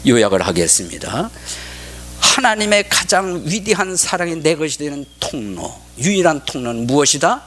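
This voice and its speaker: Lively Korean-speaking pastor preaching. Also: male voice, on the high side, slight background noise. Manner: questions the congregation and answers himself, with dramatic drops to a whisper; reads scripture aloud in a raised, slowed voice. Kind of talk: sermon.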